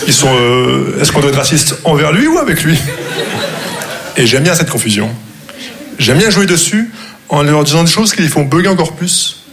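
Performing live before a loudly laughing crowd, a Moroccan comedian, native in Arabic, delivers a conversational, self-deprecating stand-up monologue in posh, old-fashioned diction. His fairly high, throaty, muffled voice swings widely in pitch, moving at a moderate pace with frequent pauses.

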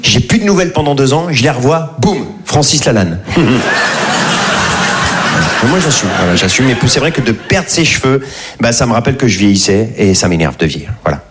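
On stage in front of a noisy live crowd, a stand-up comedian in his forties runs through a chatty, self-deprecating routine. His medium-pitched voice moves fairly quickly and swings widely in pitch, with heavy background noise throughout.

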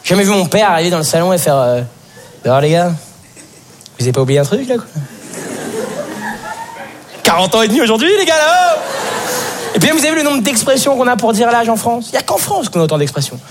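A young man doing stand-up, his high voice swooping up and down as he rattles through his bits. The live stage recording is noisy. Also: fast talker, pauses often. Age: teens. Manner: lively, jumps into shrill put-on voices. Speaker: stand-up comedian. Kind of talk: stand-up comedy. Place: theatre stage. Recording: live show, noisy crowd.

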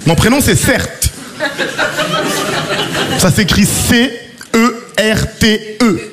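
A man's voice: high-pitched, very slow, over a noisy crowd. A man in his thirties from France, performing a self-mocking stand-up routine. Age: 30s. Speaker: stand-up comedian.

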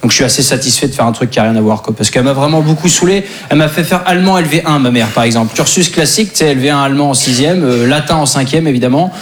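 On stage before an audience, a young man with a French accent delivers self-deprecating, conversational stand-up at a very fast pace with few pauses, his voice medium in pitch. Crowd laughter runs through the live show recording.

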